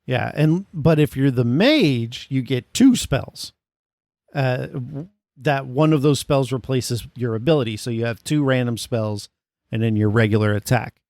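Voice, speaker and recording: A man's voice: mid-range voice, measured pace, darkish tone, dry recording, clean studio sound. A man hosting a casual gaming podcast, explaining things in a conversational way. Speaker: podcast host.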